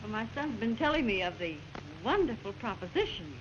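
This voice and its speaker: An actress playing a gentle, careful middle-aged mother, speaking politely and cautiously, in early talkie film sound. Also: on the high side, sing-song, a little fast. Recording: dull 1920s film soundtrack with music.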